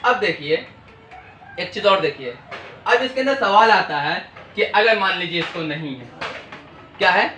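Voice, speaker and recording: Bright and forceful, his high-pitched voice has lively intonation, a measured pace, and long pauses. He leads a language lesson at a whiteboard in call-and-response style, answering his own questions, recorded in an echoey room with faint hiss.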